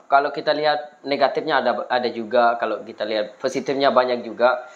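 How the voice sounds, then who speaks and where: A man's voice: medium pitch, fairly even intonation, brisk. A man chatting casually as an interview guest, giving moral advice with self-deprecating humour and an earnest streak. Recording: dull lo-fi audio with background noise.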